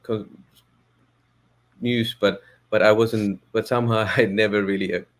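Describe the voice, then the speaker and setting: A man's voice: on the low side, steady tone, a little slow. A man from Finland, a Finnish speaker, talking in a podcast interview as a guest, thoughtful and hesitant with many fillers and restarts. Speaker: guest, photo editor.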